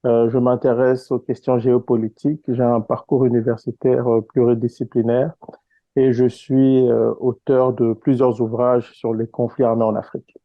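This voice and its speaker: Guest, male, from Congo, measured explainer with hesitations, dull lo-fi call sound, dry. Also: medium pitch, level tone, no room sound. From Congo (DRC). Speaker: guest author. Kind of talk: interview answers. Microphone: online call.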